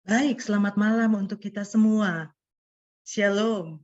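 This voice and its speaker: Indonesian woman speaker with soft, unrolled r. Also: medium pitch, a little slow. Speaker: guest speaker, pastor. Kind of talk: warm-up and presentation to an online audience, interactive. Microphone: video call. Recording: dull lo-fi online call audio.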